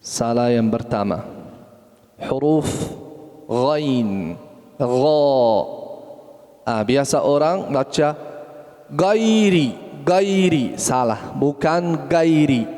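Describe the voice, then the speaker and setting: A man teaching Quran recitation, correcting pronunciation and repeating letter sounds slowly. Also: medium pitch, mellow, big-room sound. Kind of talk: tajweed lesson with recitation.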